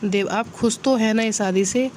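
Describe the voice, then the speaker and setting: A man's voice: high-pitched, moderate pace, slight background noise, close to an everyday voice. A woman voicing an affectionate young man who teases and reassures his fiancée in a storybook reading. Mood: tender. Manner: playful, reassuring.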